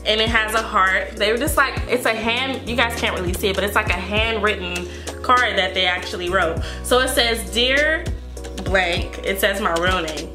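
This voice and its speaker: A beauty vlogger with a cold talks in a stuffy, congested voice of medium pitch at a moderate pace. She chats casually while reviewing a wig, calling her viewers "you guys" and using plenty of "like" and "um." The room is echoey, with music playing in the background.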